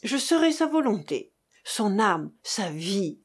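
A woman's voice: medium pitch, sing-song, takes it slowly, slightly rough, full character voice. A woman reading an audiobook, voicing an impassioned young woman who speaks in breathless, pleading outbursts.

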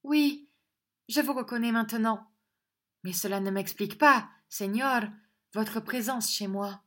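A woman's voice: on the high side, a little slow, fairly bright tone, voice pushed up. A woman voicing a proud, devout young noblewoman, speaking in raised, emotional tones. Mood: indignant.

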